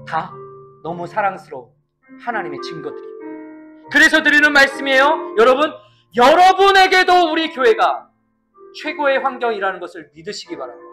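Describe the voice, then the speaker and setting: Pastor preaching a Sunday sermon: bright, forceful voice, emphatic yet chatty, faint music behind. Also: mid-range voice. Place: church service in a rented space.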